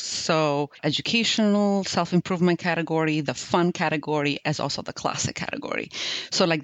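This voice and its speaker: A woman's voice: low voice, a bit bright, dry recording, lo-fi sound. A woman from Albania in her thirties, a podcast guest chatting casually with many fillers and restarts. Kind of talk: casual interview chat.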